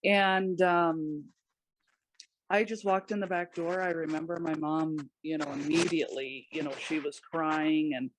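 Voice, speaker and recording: A woman guest on a podcast, giving personal testimony in a halting way, with many pauses and restarts. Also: low voice, steady tone, a little hiss or hum.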